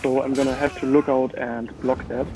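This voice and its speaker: Against a noisy background, a gamer speaks at normal speed in a medium-pitched, flat voice. He's a native German speaker with a German accent who casually narrates his own gameplay, full of filler words.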